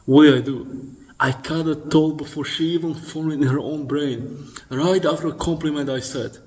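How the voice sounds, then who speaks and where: A dating coach gives blunt, profane instruction in a voice-over, lecturing and speaking directly to the listener. His voice is on the high side with a darkish tone, fairly even intonation and a moderate pace. A little hiss or hum comes through.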